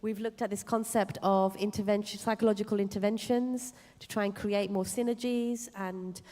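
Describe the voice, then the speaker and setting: A woman's voice: mid-range voice, steady tone, moderate pace, dark tone. A woman with a Home Counties accent from Surrey, informally moderating a live panel in a jokey, encouraging manner. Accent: Surrey, English Home Counties. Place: conference stage in a large hall. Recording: echoey hall with long reverb.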